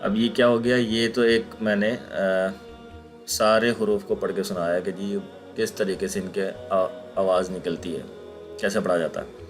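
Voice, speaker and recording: A man's voice: on the low side, steady tone, soft background music. Patient man teaching letter sounds. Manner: slow, patient explanation, repeating each letter sound aloud. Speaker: Quran recitation teacher. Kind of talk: recorded online lesson with screen pointer.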